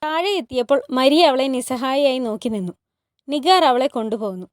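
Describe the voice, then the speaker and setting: A woman storyteller retelling a TV drama in steady narration. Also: sits high, a little fast, no echo, studio quality.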